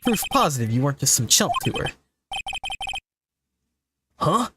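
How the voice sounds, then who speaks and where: A man's voice: a little high, big pitch swings, a little slow. A man voicing a flustered young male defense lawyer with a sarcastic edge, in a parody fan dub. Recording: noisy home recording.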